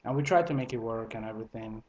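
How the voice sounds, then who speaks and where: A man's voice: lowish voice, fast talker, a little mellow, highs cut off. A man raised in Italy who speaks English with a multilingual accent that mixes in Italian and French, giving casual relationship advice to camera with lots of fillers and restarts. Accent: multilingual, Italian and French mixed into English. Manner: conversational, frequent fillers and restarts. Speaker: vlogger.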